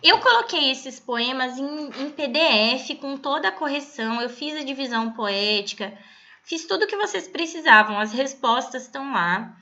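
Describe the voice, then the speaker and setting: A woman teacher giving a recorded online lesson, explaining patiently and reading verses slowly aloud. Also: sits high, animated, bright, forceful tone, highs cut off.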